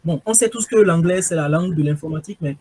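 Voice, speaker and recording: A man's voice: on the high side, quick pace, mellow, breathy edge, no echo. A man with a Beninese French accent hosting an interview, asking curious, teasing questions. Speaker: interviewer host.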